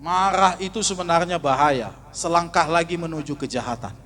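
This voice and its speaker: Animated preaching man, higher voice. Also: moderate pace. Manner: animated preaching, rising to near-shouts, acting out little scenes. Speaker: pastor. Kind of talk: sermon. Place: church hall.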